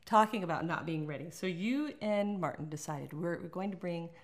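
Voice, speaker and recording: A woman's voice: fairly low pitch, animated, normal speed. A woman hosting a casual interview, encouraging her guest and laughing along. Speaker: interview host.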